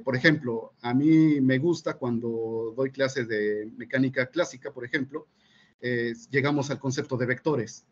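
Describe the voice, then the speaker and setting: A man, a physics teacher presenting at a seminar, measured and full of fillers and checking questions. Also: mid-range voice, slightly rough, highs cut off. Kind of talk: explanatory academic presentation.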